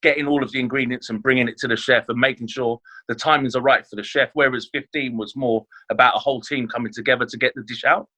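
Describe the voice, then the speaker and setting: Talking fast with hardly any pauses, a chef born in Leeds and brought up in London discusses his career in a casual podcast interview, often using fillers and restarting. His mid-range voice is steady, bright and forceful.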